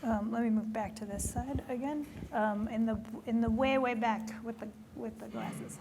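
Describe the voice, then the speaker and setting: A woman's voice: on the high side, steady tone, moderate pace, noisy background. Woman moderator calling on the audience.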